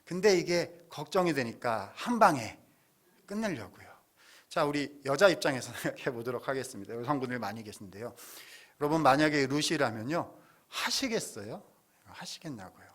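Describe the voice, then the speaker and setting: Animated male pastor telling a story. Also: medium pitch, normal speed. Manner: animated storytelling, asks congregation along. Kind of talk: sermon. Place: church.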